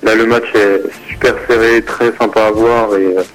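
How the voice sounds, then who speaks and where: A man's voice: on the low side, flat delivery, moderate pace, low-quality recording. Man talking over the phone, hesitant. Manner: rambling, many hesitations and restarts. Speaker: basketball consultant. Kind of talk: casual radio sports analysis.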